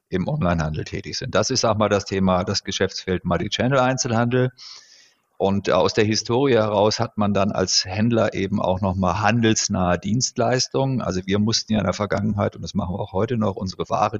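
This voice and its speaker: A man's voice: low-pitched, gravelly, lo-fi sound. A middle-aged man who speaks accent-free standard German, explaining at length in a podcast interview with many hesitations. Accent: standard High German. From born in South Africa, raised in Germany. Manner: measured, explanatory, frequent hesitation sounds. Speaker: guest, former executive.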